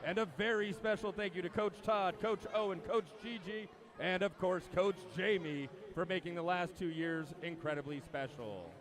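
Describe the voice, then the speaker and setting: Man, swim meet announcer, higher voice, measured emphatic delivery, dry asides. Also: a crowd in the background. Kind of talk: public address announcement.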